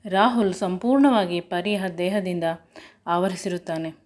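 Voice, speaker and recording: A woman storyteller narrates a serialized romance in a steady, unhurried reading. Her voice sits somewhat low for a woman.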